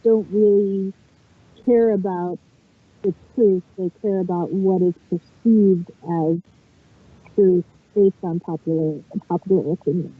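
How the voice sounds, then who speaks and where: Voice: mid-range voice, fairly even intonation, a little slow, husky, dry recording. A podcast co-host in casual chat, their voice muffled as if talking into a cup through a phone mic.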